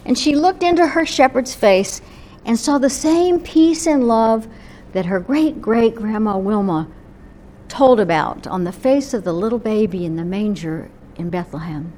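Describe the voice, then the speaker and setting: At a measured pace and a fairly high pitch, a woman pastor shares a gentle, story-driven sermon in a church service, her phrases trailing off into near-whispers. A little hiss or hum sits under the recording.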